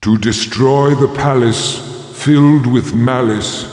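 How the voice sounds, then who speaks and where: Man voicing riddling game oracle, slow, heavily echoing, solemn, declamatory. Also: medium pitch, steady tone, darkish tone, close to an everyday voice. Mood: portentous. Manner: stately, declamatory. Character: solemn, portentous male oracle speaking in riddles. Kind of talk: video game character acting. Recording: long cavernous reverb.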